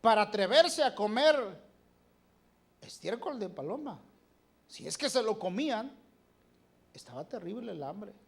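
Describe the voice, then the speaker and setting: A preacher in full sermon mode speaks in a church and keeps turning to the congregation with direct questions. The pitch sits in a middle register. The delivery swings from loud, emphatic lines to quieter asides. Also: measured pace, vocal fry, pauses often, husky. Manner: animated, shifting loudness.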